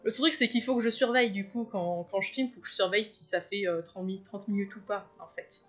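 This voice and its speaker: A woman talks loosely about her drawing process, rambling and stopping often to restart her sentences. Her voice sits in a middle pitch. The recording is a little dull, with faint music underneath. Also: fairly quick, fairly bright tone. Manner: rambling, hesitant, with many fillers and restarts. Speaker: drawing vlogger. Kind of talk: casual chat over a drawing video.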